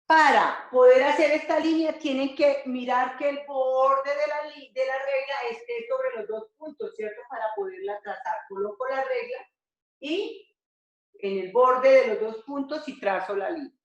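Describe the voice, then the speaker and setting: A woman teaching a slow, repetitive math lesson to children, often checking that they follow. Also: sits high, lively intonation. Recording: echoey dull home recording.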